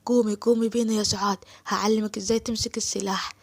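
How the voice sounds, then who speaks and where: Earnest Egyptian gentleman, as a woman voices him. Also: high voice, little pitch movement, racing, gravelly. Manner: earnest, heartfelt. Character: wealthy gentleman, earnest and tender.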